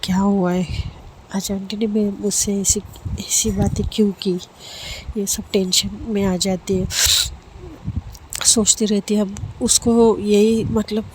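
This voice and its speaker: A woman's voice: mid-range voice, flat delivery, slow pace, long pauses, darkish tone, a little hiss or hum. A woman telling a love story in a plain, repetitive narrating manner.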